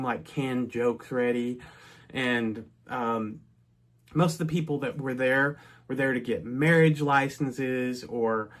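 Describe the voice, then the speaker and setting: A middle-aged North Texas man with a medium-pitched voice tells a personal story casually and chattily, often restarting and drifting into asides.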